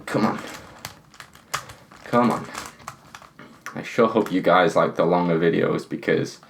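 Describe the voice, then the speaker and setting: A man's voice: low-pitched, measured pace, vocal fry, a little hiss or hum. A man hosting his own puzzle channel, thinking aloud and pleading with a stiff puzzle as he solves it. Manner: talks to the puzzle, pleading and exasperated; thinks aloud, counting pieces. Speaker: puzzle solving channel host. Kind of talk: casual talk while solving a puzzle.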